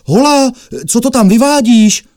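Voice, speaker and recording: A man's voice: medium pitch, lively intonation, mellow, no room sound, clean studio sound, voice pushed up, close to an everyday voice. A man voicing a bold, very strong twelve-year-old boy in a fairy tale, speaking eagerly and raised. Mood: calling out.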